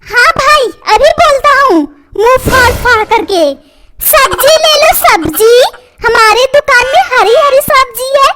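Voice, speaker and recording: A woman voicing an eager young boy loudly hawking vegetables. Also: extremely high pitch, moderate pace. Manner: loud hawking. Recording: noisy background.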